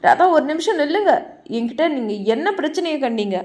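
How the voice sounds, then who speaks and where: A woman's voice: high-pitched, expressive, a little fast, darkish tone. A woman voicing a young male college student who insistently pleads with a girl who rejected him. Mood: pleading.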